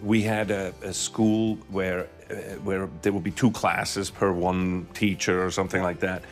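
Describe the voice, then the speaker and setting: A man's voice: deep voice, little pitch movement, unhurried, soft background music. A middle-aged man from Switzerland, a guest in an interview, recalling his childhood thoughtfully with many restarts. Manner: thoughtful, with frequent restarts and repeated words. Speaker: guest, university professor. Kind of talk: casual interview storytelling.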